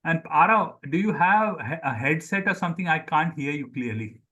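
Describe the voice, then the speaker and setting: A probably middle-aged man with an Indian accent, a native Sindhi speaker, teaches Hindi in a live online group lesson. He repeats words, explains and questions pupils by name, using a voice on the high side with lively intonation, a moderate pace and a pushed, bright quality.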